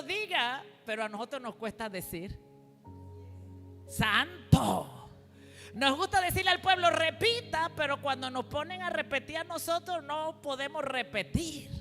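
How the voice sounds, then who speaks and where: A woman's voice: sits high, sharp tone. A woman preacher giving a call-and-response sermon, leading the congregation to repeat her phrases. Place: church hall. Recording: reverberant hall with faint music.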